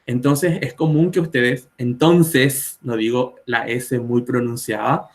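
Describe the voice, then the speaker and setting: A man's voice: medium pitch, steady tone, slow. Young paraguayan guy, spanish teacher, patient, lots of "eh" and examples, live stream. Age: 20s. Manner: explains patiently with spoken examples and fillers. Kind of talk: explanatory talk on pronunciation. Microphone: live video stream.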